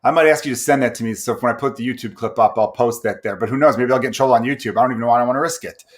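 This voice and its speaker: A man's voice: medium pitch, rapid-fire. Rambling man hosting a casual podcast. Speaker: podcast host. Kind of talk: casual chat.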